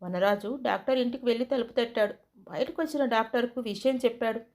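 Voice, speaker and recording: Female storyteller, fairly high pitch, steady expressive read-aloud. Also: fast talker. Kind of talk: storybook narration.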